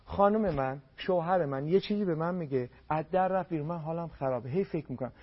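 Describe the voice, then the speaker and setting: A man's voice: on the high side, breathy edge. A man on a radio program as a family counselor, giving marriage advice in an emphatic way and repeating words for stress. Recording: dull lo-fi radio broadcast.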